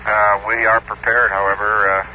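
A man speaking as an astronaut in orbit, giving brisk, matter-of-fact reports over a crackly air-to-ground space radio link. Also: on the low side, little pitch movement, pushed and bright. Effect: crackly space radio transmission. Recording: muffled, noisy archival space radio.

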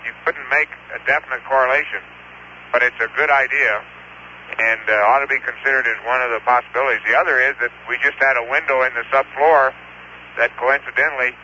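Halting man on a hissy radio link. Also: mid-range voice, fairly even intonation, pushed and bright. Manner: halting and hesitant, many fillers and restarts. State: talking while eating. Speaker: field geologist reporting over radio. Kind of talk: live radio exchange, thinking aloud. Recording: muffled radio transmission with hiss.

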